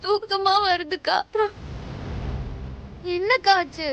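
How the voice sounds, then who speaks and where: A woman's voice: very high voice, a little hiss or hum, heavily acted. A dazed, woozy young woman. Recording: TV drama with loud background music.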